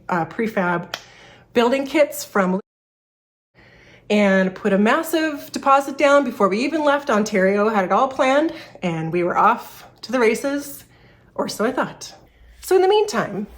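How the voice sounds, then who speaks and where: Woman, 30s, from Canada; shop owner in a candid vlog, slightly breathless, rambling delivery. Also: medium pitch. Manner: candid, rambling, many restarts and fillers. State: a little out of breath. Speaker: furniture repair business owner. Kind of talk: personal vlog talking to camera.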